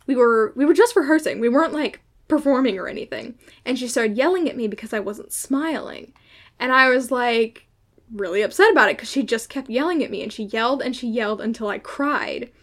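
A young woman with a somewhat high voice co-hosts a podcast and tells a personal story in loose, animated chat. She swears casually and talks as if to a friend. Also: fairly quick. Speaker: podcast co-host.

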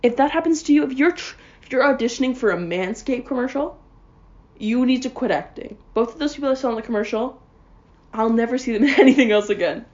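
A woman's voice: fairly high pitch, lively intonation, fast talker, a little mellow, dull audio. A young adult woman in a casual comedic rant, sarcastic and rambling, full of "like" and "um". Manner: sarcastic, rambling, heavy on fillers.

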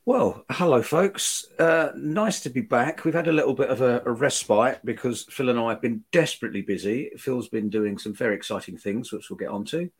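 A man's voice: medium pitch, brisk, few pauses, husky. A British man hosting a podcast in casual chat, droll and mock-stoic while under the weather with a cold. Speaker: podcast host.

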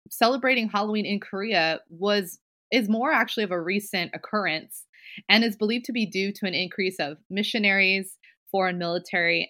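A woman's voice: medium pitch, sharp tone. A woman podcast host telling a story in casual chat, chatty and giggly, full of fillers.

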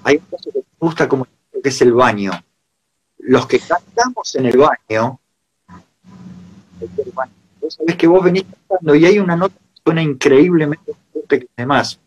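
A man's voice: a little high, normal speed, highs cut off. A man explaining guitar pickups casually and patiently, his audio glitching and cutting out over a video call. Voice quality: husky. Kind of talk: casual online chat.

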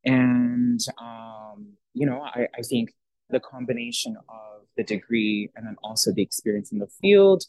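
A man's voice: medium pitch, a little slow, darkish tone, no room sound. A young man from Italy, a social worker, speaking as a podcast guest in a thoughtful way with many fillers and restarts. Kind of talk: casual interview talk.

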